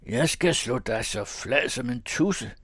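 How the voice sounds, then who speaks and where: A man reading a story, voicing a brash, scornful young farmhand who shouts taunts to pick a fight. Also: mid-range voice, expressive, slightly rough, dry recording, pitched above the performer's own voice. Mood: taunting.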